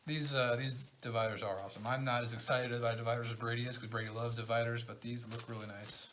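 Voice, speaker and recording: A game designer talking casually and with enthusiasm while showing game components. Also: male voice, mid-range voice, steady tone, fast talker, a bit bright, a little hiss or hum. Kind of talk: casual unboxing chat.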